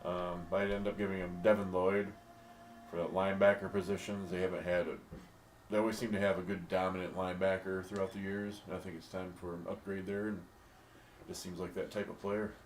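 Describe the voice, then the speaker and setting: A man in a casual discussion, thinking out loud in a relaxed way. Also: low voice, fairly quick. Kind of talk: casual draft pick discussion. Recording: echoey room with faint hiss.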